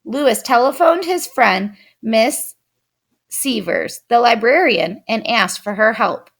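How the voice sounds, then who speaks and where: A woman's voice: a little high, vocal fry. A woman expressively reading a children's picture book aloud. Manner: expressive, unhurried. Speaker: storyteller.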